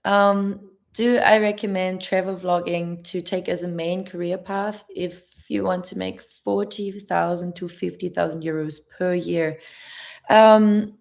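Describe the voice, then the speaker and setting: A woman's voice: on the low side, creaky, a little mellow. A young woman with a German accent, a travel vlogger answering chat questions on a live stream in a chatty, laughing, careful way.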